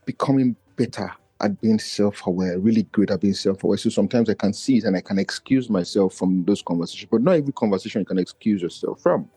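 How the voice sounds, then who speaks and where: Speaking quickly with few pauses, this podcast guest from Nigeria has a dark, slightly rough voice, low in a way he feels doesn't carry. He talks earnestly, searching for words and frequently starting his thoughts over, in a reflective personal chat recorded without echo.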